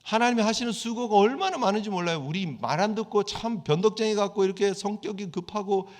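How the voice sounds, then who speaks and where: A male pastor delivers a sermon in a lifted, somewhat high voice. He talks to the congregation in a conversational way and slips into acted-out voices for quoted prayers. His voice rings with the long reverb of a church hall.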